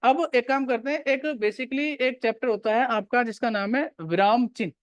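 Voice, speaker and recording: A man's voice: extremely high pitch, normal speed, dry recording, muffled recording. A male teacher giving a classroom grammar lecture, repeating key points and quizzing his students.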